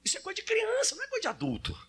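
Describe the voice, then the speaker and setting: A man's voice: very high-pitched, huge pitch swings, very fast, fairly bright tone. A man preaching a sermon as pastor, addressing the congregation directly and acting out little examples.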